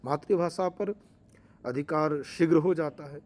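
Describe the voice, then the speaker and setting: A man's voice: on the high side, measured pace, a little mellow. A man teaching a language lecture for exam preparation, explaining with fillers and restarts.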